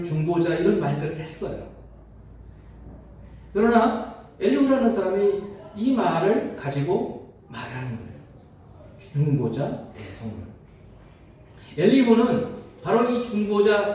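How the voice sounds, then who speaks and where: A male pastor delivers a sermon in a high voice that rises and falls with lively swings. He talks to the congregation as if in conversation, often asking them questions. The sound comes from a distance in a very reverberant church hall. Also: slight background noise. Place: church sanctuary. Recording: echoey church hall from far off.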